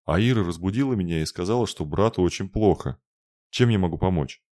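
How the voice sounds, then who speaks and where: A man's voice: sits low, fairly quick, mellow, no echo, studio quality, lightly acted. A man voicing a sleepy, confused young man. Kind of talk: audiobook narration.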